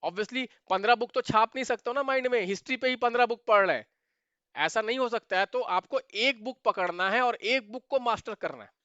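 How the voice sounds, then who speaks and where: A man's voice: extremely high pitch, a little fast, sharp tone, clear, resonant tone, no room sound, highs cut off. A man giving exam preparation advice straight to viewers, emphatic and repeating his points for stress. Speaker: exam prep mentor. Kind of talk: direct-to-camera advice video.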